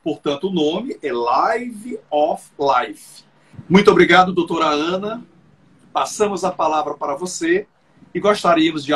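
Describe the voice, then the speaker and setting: Ceremonious male host, high voice. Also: slightly rough, poor audio. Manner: ceremonious, flowery phrasing. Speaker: host, professor. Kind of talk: formal live-stream interview. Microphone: video call.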